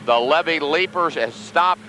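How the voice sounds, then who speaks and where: An American man calling a tractor pull as announcer, with an excitable, folksy commentary manner. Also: fairly high pitch, measured pace. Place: indoor dirt arena event. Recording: noisy old TV broadcast, engine and arena noise. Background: tractor engines and arena noise.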